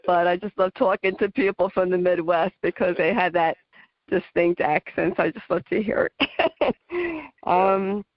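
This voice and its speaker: Her voice is lowish with lively intonation and a slightly slow delivery as she hosts a radio talk show from New Jersey, accent and all. Effusive, chatty and heavy on fillers, she keeps the interview casual, heard through muffled, dry radio audio without room sound.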